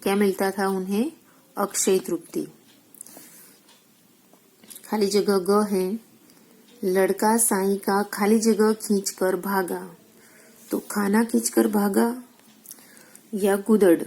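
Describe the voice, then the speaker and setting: Slow, gravelly-voiced woman teacher. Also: medium pitch, fairly even intonation, a little mellow, poor audio. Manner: asks questions then answers them herself; mixes English words into her teaching. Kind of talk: recorded school lesson, explaining textbook exercises.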